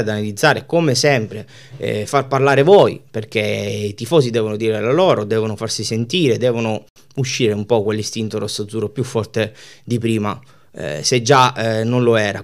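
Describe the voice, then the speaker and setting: A man in his thirties hosting a football fan talk show from a small studio, searching for words in long sentences. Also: mid-range voice. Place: small indoor studio office.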